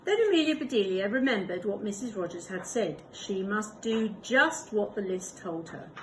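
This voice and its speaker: A woman, a primary school teacher, reading a picture book aloud with expressive storytelling and little asides. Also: mid-range voice, moderate pace, slight background noise, rough recording.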